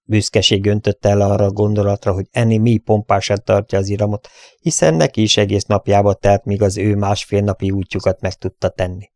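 Male audiobook narrator, low and gravelly, steady storytelling, dry close mic. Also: no room sound. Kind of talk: audiobook narration of an adventure novel.

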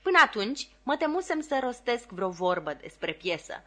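A woman narrating a novel as an audiobook reader, in calm, steady scripted narration. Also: on the high side.

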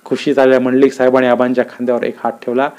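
A man narrating a rural drama story in a vivid, expressive reading voice. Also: medium pitch, racing.

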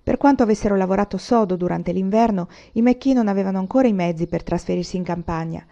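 Measured woman reading a novel aloud. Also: mid-range voice, gravelly, mellow. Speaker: audiobook reader. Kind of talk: audiobook reading. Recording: muffled lo-fi recording.

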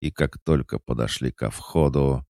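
A man narrates a first-person fantasy audiobook, wry and deadpan. His voice is extremely deep and dark with a gravelly edge. The sound is dry and close. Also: unhurried, no echo.

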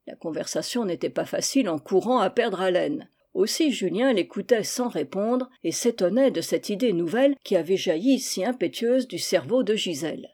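A woman narrates a classic children's story in a calm, measured way. Her voice is mellow and unhurried, with a middling pitch. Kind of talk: audiobook reading of a children's novel.

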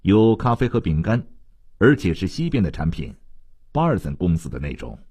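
A man reading a literary novel aloud as an audiobook narrator, in a measured, expressive storytelling manner. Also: low-pitched, slightly rough, no room sound.

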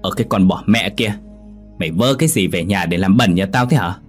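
A scheming middle-aged mother-in-law in a told ghost story, shrill and quarrelsome, as a male narrator puts her on. She scolds sharply and wails melodramatically, her voice raised and loud. Faint music plays behind. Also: fairly quick, natural voice. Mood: scolding.

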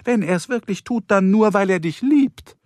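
A man's voice: high-pitched, animated, normal speed, no echo, studio quality, voice pushed up. A male reader voicing a doting adult woman who coos and pleads over her little dog in an audiobook. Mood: pleading. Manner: pleading, cooing and indignant. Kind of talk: audiobook reading.

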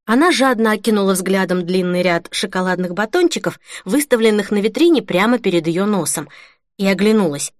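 A woman reading a novel aloud as an audiobook narrator, in an even, measured way. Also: mid-range voice, dry recording, clean studio sound. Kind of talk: scripted narration.

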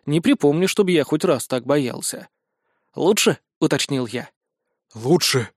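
A man narrating a first-person comic fantasy audiobook in an earnest, naive, even tone. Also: a little high, normal speed, no echo. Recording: dry close studio voice.

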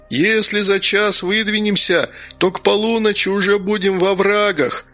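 A man voicing a rough male expedition mechanic who shouts his report in folksy speech. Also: high-pitched, pitched above the performer's own voice, exaggerated voice.

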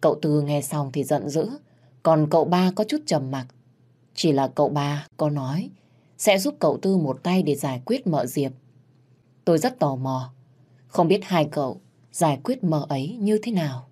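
Low, husky woman narrator. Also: animated, moderate pace, dark tone. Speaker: audio story narrator. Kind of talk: first-person storytelling.

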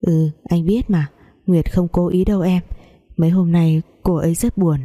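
A woman voicing a guilt-ridden young man who speaks softly and slowly to calm his lover. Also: lowish voice, muffled recording, lightly acted. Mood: soothing.

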